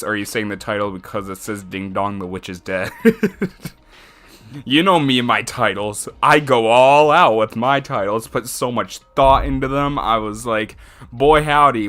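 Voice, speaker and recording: A man's voice: mid-range voice, fairly bright tone. A man getting over a sickness, rambling casually through game commentary and laughing often, close to a desk mic. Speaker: let's play streamer.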